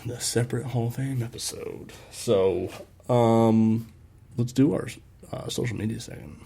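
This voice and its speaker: A man's voice: mid-range voice, measured pace, creaky, warm tone, slightly rough. A man hosting a casual sports podcast, rambling and laughing often as he corrects himself. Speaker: podcast host.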